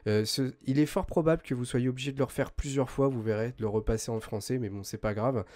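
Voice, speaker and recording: A man hosting a software tutorial, explaining step by step in a chatty way, full of hesitations and self-corrections. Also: mid-range voice, fast talker. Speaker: host of a web tools tutorial channel. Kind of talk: screen-recorded software tutorial.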